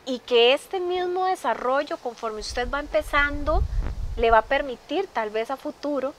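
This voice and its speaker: A woman's voice: sits high, normal speed, slight background noise. A woman hosting a television interview show, asking questions and giving encouraging, motivational words straight to the viewers. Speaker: TV show host.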